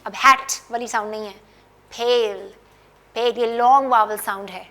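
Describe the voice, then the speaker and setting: Fairly high-voiced woman teaching phonics. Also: fairly even intonation, sharp tone. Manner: drawn-out, emphatic word repetition. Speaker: English teacher. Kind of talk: classroom phonics lesson.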